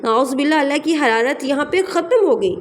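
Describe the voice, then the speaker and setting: A high-pitched woman teaches a recitation lesson, spelling out each letter sound slowly and repeating examples. Faint noise hums behind her voice. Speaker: tajweed teacher.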